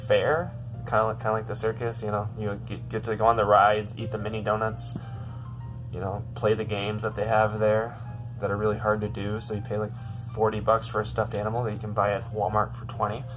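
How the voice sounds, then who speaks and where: A young man with a low voice vlogs from his bedroom about a rough day. He rambles and restarts often, sounding upset. Faint music plays underneath. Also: completely flat delivery, brisk. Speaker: vlogger. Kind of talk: casual storytelling vlog.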